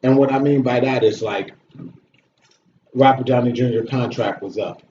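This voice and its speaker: This man reviews a movie as a video host in a dark, medium-pitched voice at a moderate pace, opinionated and casual, griping bluntly and cursing without restraint. There's slight noise on a dull recording with roomy echo.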